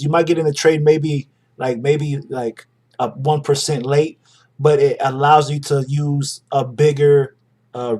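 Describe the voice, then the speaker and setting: A man's voice: fairly high pitch, a little mellow. A young adult man hosting a live stream, talking casually through charts and greeting viewers by name. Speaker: livestream host.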